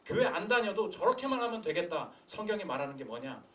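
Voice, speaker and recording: Animated young male preacher, echoey church. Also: high voice, quick pace. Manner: animated storytelling with acted quotes and rhetorical questions. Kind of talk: sermon. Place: church sanctuary. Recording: echoey room from a distance.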